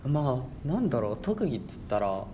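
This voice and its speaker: A man's voice: medium pitch, very animated, fairly quick, warm tone, a little hiss or hum. A young man around eighteen hosting a casual radio chat in a rambling, stumbling way, often repeating himself. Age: young adult, about 18. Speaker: radio show host.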